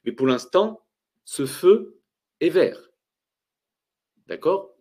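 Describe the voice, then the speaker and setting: A man explaining market indicators to viewers, with lively, emphatic delivery and rhetorical questions. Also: fairly high pitch, extremely slow, breathy edge. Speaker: finance educator.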